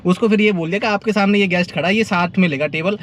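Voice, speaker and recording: A man's voice: sits high, quick pace. A young man from India with a Delhi Hindi accent, telling a story in a chatty, casual vlog and often calling the viewer "bhai". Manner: chatty, keeps saying "bhai", laughs while telling a story. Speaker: nightlife vlogger. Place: in and around a car on city streets.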